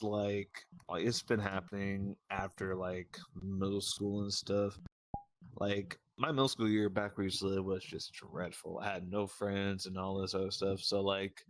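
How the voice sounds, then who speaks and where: A young man as a guest in a casual chat, speaking in a halting, open and personal way. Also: fairly low pitch.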